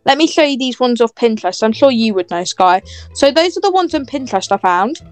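A woman plays a snobby, entitled young woman in a game role-play, bossing people about in a high voice. She sounds dismissive and self-satisfied. Faint music plays behind her. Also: expressive, brisk, darkish tone, no room sound, natural voice. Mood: haughty.

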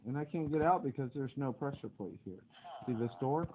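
A man playing a video game with his child in casual chat, self-deprecating and quick to cry out at his wins and misses. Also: medium pitch, animated. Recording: phone-like lo-fi audio with clear background noise.

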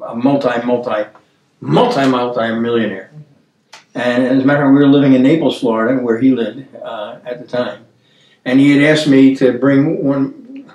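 A man's voice: medium pitch, darkish tone. Older man, roomy and distant. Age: 70s. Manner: earnest, storytelling, halting restarts. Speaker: Bible study host. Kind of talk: casual Bible discussion. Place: dining room table, indoors.

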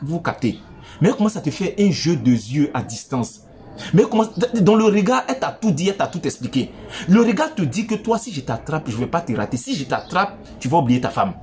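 A man gives relationship advice in a playful, teasing monologue, talking straight to his listeners. He swings between loud outbursts and low asides.

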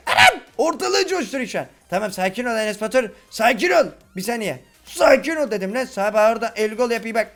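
Brief: male gaming YouTuber, very high voice with a gravelly edge, excitable play-by-play. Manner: excitable, loud exclamations, chatty with viewers. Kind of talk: Minecraft gameplay commentary.

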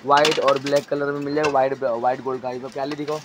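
A man showing stock in a crowded wholesale storeroom, briskly listing items and prices and telling a helper what to hold up. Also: medium pitch, flat delivery, background noise. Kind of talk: walk-through product showcase.

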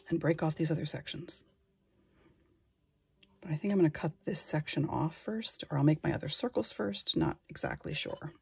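A woman with a lowish, gravelly voice that is a little mellow and slightly rough talks through her glass craft work at a home workbench. She thinks aloud in a casual vlog style, doubting herself at every step.

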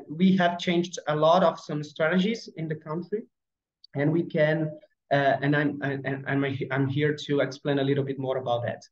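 A man from Brazil with as his gives an online presentation over a webcam, speaking haltingly with many fillers and restarts. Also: a little high. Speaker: conference speaker. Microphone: video call webcam. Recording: roomy, slightly dull video call audio.

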